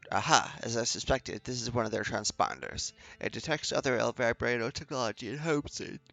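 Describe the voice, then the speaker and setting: A man's voice: mid-range voice, lively intonation, brisk, creaky, sharp tone, faint music behind. A man reading an eager eccentric professor. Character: eccentric male professor inventor, eager tinkerer.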